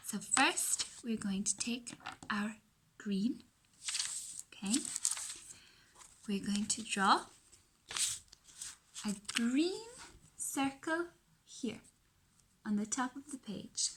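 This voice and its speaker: High, very slow upbeat woman teacher. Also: background noise. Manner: earnest, upbeat, encouraging school-lesson delivery; simple short phrases with pauses, addressing young children. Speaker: early-years literacy teacher. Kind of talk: children's phonics lesson.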